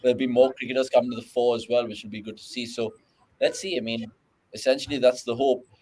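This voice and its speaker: A man's voice: medium pitch, steady tone, fast talker, a little mellow, slightly rough, poor audio. A young man with a British accent hosting a live cricket watchalong, chatting with co-hosts, calling shots and reading out viewer questions.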